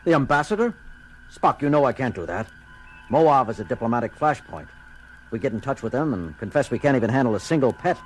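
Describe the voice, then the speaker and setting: A man's voice: mid-range voice, lively intonation, fairly quick, a little hiss or hum, close to an everyday voice, low-quality recording. A man playing a commanding, urgent and blunt starship captain in a science fiction audio drama, with an authoritative, clipped delivery. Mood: tense. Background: loud dramatic music.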